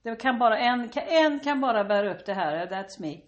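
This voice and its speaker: A woman's voice: on the high side, lively intonation, lo-fi sound. Woman, bantering. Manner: swears freely, teasing and rambling. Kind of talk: improvised comic banter.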